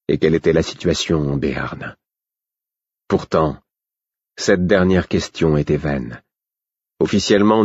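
A man reading a fantasy novel aloud in the first person, steady and restrained, in a slightly dull recording. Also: sits low, husky, dry recording. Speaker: audiobook narrator. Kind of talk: scripted narration of a fantasy novel.

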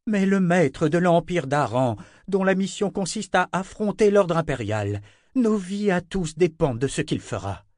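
A woman's voice: lowish voice, expressive, unhurried, no room sound, clean studio sound, voice pushed up. A man voicing an impatient older sorceress who scolds sharply, in an audiobook reading. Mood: stern. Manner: sharp, exasperated.

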